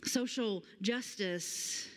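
A woman, preaching a sermon from a church stage and reading scripture with slow, emphatic stress. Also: mid-range voice. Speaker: pastor. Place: large church sanctuary stage. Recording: long hall reverb.

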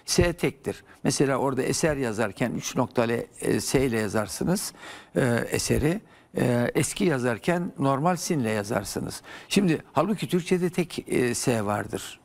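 An older man speaks as a historian guest on a television talk set, his voice carrying a gravelly, creaky texture. He explains at length, filling gaps with hesitant sounds as he searches for words, in a professorial, patient manner. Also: mid-range voice, expressive, moderate pace. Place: TV studio.

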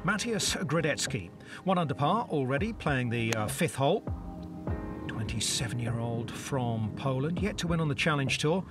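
A man giving measured, understated golf commentary for a television highlights show. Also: animated. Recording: music behind the voice. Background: music.

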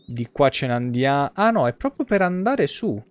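Speaking at normal speed with big pitch swings, this man's slightly high voice comes through dull audio. He's an Italian-accented streamer in his thirties, casually commentating on gameplay live from a small indoor room and cursing now and then.

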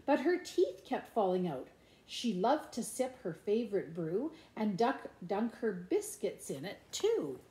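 In an echoey room at home, a grandmother in middle age brings a children's storybook to life for her grandchildren, stopping for asides along the way. She speaks at a medium pitch, slowly and playfully, her delivery rising and falling in a sing-song way.

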